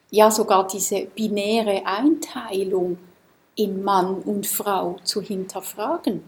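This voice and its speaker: A woman from Switzerland giving a calm, reflective Dharma talk to a group in a seminar room, often asking her listeners questions. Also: mid-range voice. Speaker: meditation teacher.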